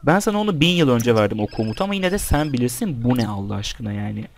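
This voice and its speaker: A man's voice: medium pitch, expressive, quick pace, gravelly, slight background noise. A young man giving casual let's-play commentary, chatting with the game's characters and with his viewers as he plays. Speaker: gameplay commentator.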